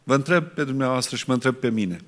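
A man's voice: mid-range voice, animated. Man preaching in an echoing hall. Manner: earnest, rhetorical questions, varies loudness. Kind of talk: sermon.

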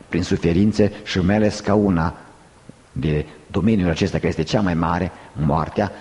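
A man preaching a sermon with emphasis, swinging between loud, high outbursts and slow, hushed phrases and putting rhetorical questions to his listeners. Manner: asks the congregation rhetorical questions. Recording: long reverb of a large hall.

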